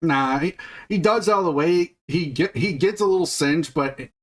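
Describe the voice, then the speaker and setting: A man's voice: fairly high pitch, normal speed. A man running a tabletop role-playing session as game master, patiently explaining the rules and thinking aloud as he goes.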